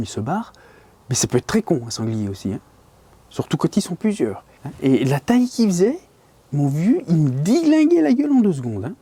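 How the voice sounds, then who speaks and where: A man with a slightly high, dark voice and a breathy edge casually tells a scary anecdote from a fishing trip. He rambles colloquially with lots of fillers, an angler spinning a story, and drops to a whisper at the tense moments.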